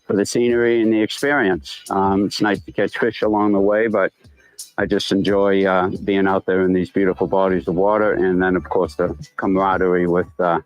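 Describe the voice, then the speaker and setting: A middle-aged man from Cape Cod, an easygoing kayak angler talking slowly with lots of pauses. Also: sits low, little pitch movement, rough recording. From Cape Cod, Massachusetts. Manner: easygoing, unhurried, many pauses. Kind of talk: relaxed interview talk.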